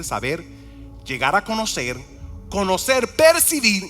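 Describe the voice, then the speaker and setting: A man's voice: fairly high pitch, pushed and bright. A male pastor preaching a sermon with emphasis, repeating key words and asking the congregation questions.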